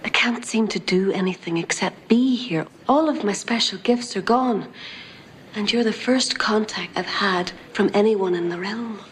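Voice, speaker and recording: A woman playing a naive, earnest angel in a TV drama, innocent and halting. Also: medium pitch, natural voice. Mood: worried. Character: naive, earnest female angel stuck in human form. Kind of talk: TV drama acting. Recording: faint background noise.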